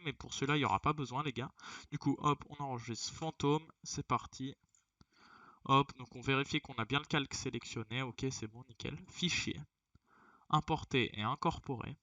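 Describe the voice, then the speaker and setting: A young man casually walking viewers through a tutorial, chatty, narrating each click with a quick "hop". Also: medium pitch, sharp tone, dry recording. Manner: chatty, talks to viewers as "les gars". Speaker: tutorial creator. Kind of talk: casual screen-recorded tutorial. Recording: distant, dull lo-fi dry recording.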